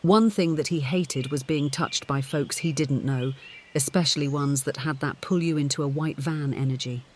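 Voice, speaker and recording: A man with a slightly high voice reads scripted fiction as an audiobook at normal speed. Faint outdoor-like ambience and birdsong play behind him, along with a little hiss or hum.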